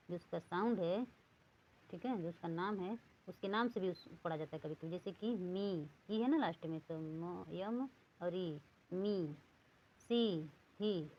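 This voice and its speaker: A woman teaching English reading rules, saying words one at a time and repeating them slowly. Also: medium pitch, dull audio, a little hiss or hum. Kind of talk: lesson.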